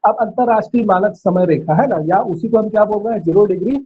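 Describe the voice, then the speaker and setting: A male teacher dictating class notes, repeating each phrase slowly so students can write it down. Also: high-pitched, slight background noise. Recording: tinny phone-like audio.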